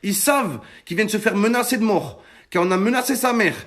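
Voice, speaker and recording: An influencer tells his story in a heated vlog rant, his high voice lively, fairly bright, and a bit fast. He's emphatic and swears a lot, acting out the callers and other people involved.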